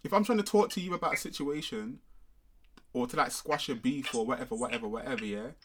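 A man's voice: medium pitch, fast talker, fairly bright tone, a little hiss or hum. Casting: young male panellist, urban London roadman voice, slangy, conversational, pressing each point home. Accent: London, multicultural urban slang (roadman). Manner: street-slang London roadman talk, emphatic, with repeated check-in tags. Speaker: discussion panellist. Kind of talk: casual discussion.

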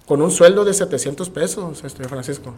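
A fairly high-voiced man with a Mexican Spanish accent talks as a podcast guest. He tells his stories in a casual, animated way and slips into other people's voices as he goes. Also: a little fast. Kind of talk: casual storytelling interview.

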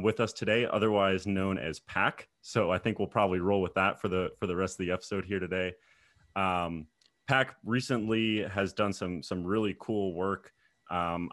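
A man hosting a podcast, his voice very low and deep. He introduces the guest haltingly, repeating words and leaning on fillers. The sound is dry, with no room echo. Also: fairly bright tone. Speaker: podcast host. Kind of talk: interview introduction.

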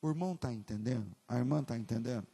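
A man preaching a sermon as pastor with a Brazilian Portuguese accent, moving from casual asides to loud, emphatic preaching. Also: medium pitch, fast, vocal fry, breathy edge, in a large hall.

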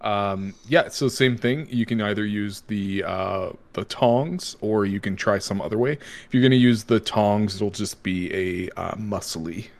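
A man's voice: fairly low pitch, a little slow, few pauses. A man casually narrating a tabletop game as its game master.

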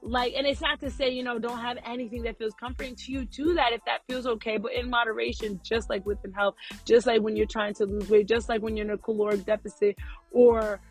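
A woman's voice: a little high, flat delivery, fairly quick, breathy edge, faint music behind. An American woman chatting casually to her viewers from inside a car, earnest and encouraging, with slangy phrasing. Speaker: vlogger.

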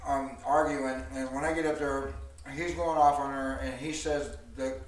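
A man's voice: mid-range voice, normal speed. A man telling a family story in casual talk, acting out what he said in the moment. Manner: animated, acts out what he said. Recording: echoey room, mic far off.

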